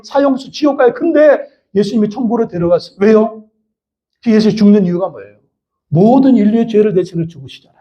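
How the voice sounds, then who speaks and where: A male pastor with a high yet mellow voice delivers an emphatic sermon, repeating phrases and firing off rhetorical questions at the congregation. It sounds like a dull, lo-fi recording of a church service. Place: church worship hall.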